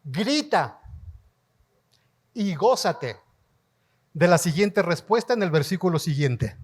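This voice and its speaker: A man preaching a sermon as pastor, leading his congregation in call-and-response and rising to shouts. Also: high voice, very animated, husky. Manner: slow, emphatic delivery, rising to shouts. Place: church hall before a congregation.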